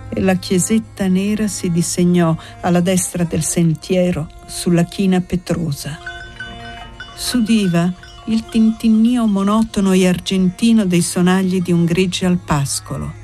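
A woman narrating a classic novel as an audiobook, reading in a measured, expressive way. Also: fairly low pitch, faint music behind. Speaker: audiobook reader.

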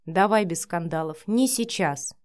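A gruff, blunt man who is quick to anger and barks his words, read by a woman narrating an audiobook. His delivery stays short and rough. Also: on the low side, close to an everyday voice. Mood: weary.

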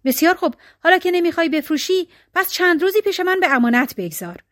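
A woman voicing a greedy, pushy rich brother in a storybook tale, insistent and wheedling, her voice high and lively. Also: dry recording, studio quality. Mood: coaxing.

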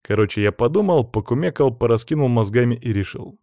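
A man narrating a first-person audiobook in a wry, lively storytelling manner. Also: medium pitch, fairly quick, no room sound, studio quality.

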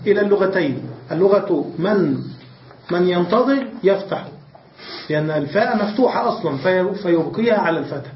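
High-voiced man teaching grammar, distant. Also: expressive, a little hiss or hum. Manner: asks students questions and repeats examples slowly. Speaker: sheikh teaching Arabic grammar. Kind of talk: classroom grammar lesson. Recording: roomy, distant, dull lo-fi recording.

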